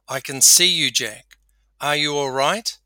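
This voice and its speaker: A man voicing God as a calm, patient male presence who speaks plainly and firmly. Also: fairly high pitch, unhurried, no room sound. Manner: calm and matter-of-fact.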